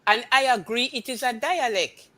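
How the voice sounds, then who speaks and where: Older Belizean Creole-accented woman, very bright, forceful voice, insistent and repetitive in casual chat. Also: on the high side, moderate pace. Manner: emphatic, insistent, repeats phrases.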